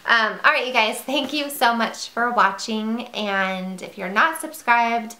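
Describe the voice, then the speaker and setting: A woman's voice: a little high, a little slow, sharp tone. A woman vlogger chatting casually to camera at home, rambling a little with fillers. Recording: roomy echo.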